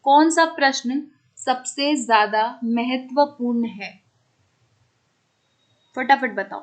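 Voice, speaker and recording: A woman teaching an online exam-prep class, explaining step by step, checking again and again that students follow, and mixing English terms into her talk. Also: high-pitched.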